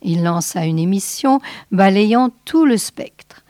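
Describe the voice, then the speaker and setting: A woman reading a science fiction novel aloud in a measured, expressive way. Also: medium pitch, no room sound, studio quality. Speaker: reader.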